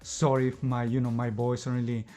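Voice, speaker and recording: A man with a medium-pitched, warm voice but a completely flat delivery reviews anime casually in a single unscripted take, with soft music in the background. He rambles, a little out of breath, padding pauses with "you know" and "I guess you can say."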